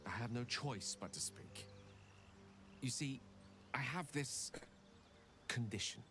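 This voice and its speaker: A man's voice: medium pitch, animated, takes it slowly. An actor playing a refined, polite male wizard who confides a secret in formal, courteous speech. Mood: earnest. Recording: game audio with music behind.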